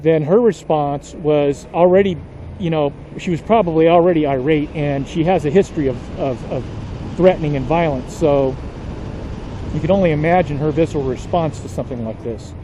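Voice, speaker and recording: A man making a somber motorcycle vlog, talking slowly and haltingly and choking back emotion. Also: a little high, dark tone, a little hiss or hum. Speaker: motorcycle vlogger.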